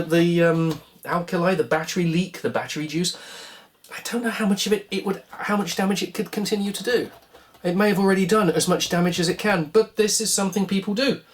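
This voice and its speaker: A vlog host giving casual hands-on repair commentary, musing wryly and asking themselves questions in a rambling way. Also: medium pitch. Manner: rambling, wry musing with self-directed questions.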